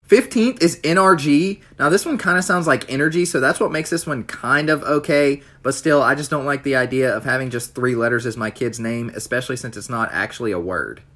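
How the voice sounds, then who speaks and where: Bright-voiced young man, dry sarcasm. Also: mid-range voice, a little fast, few pauses. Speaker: vlogger. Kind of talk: talking-head ranking commentary.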